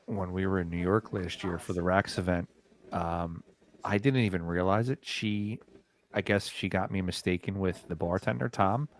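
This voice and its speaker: A man's voice: low voice, fairly even intonation, moderate pace. A man commenting on a pool match, easygoing and laughing as he tells stories. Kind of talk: casual commentary.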